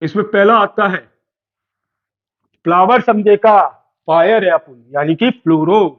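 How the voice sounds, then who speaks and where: A man's voice: high voice, measured pace. A man teaching a chemistry class at a board, playfully asking questions and answering them himself. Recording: tinny phone-like sound.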